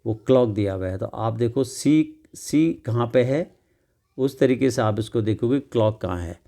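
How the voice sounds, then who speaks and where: A man teaches English from a children's workbook, his voice gravelly at a middle pitch. He explains slowly and repeats each word. He poses questions to his students and then answers them himself. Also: mellow. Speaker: English tutor. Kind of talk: classroom lesson explaining a workbook.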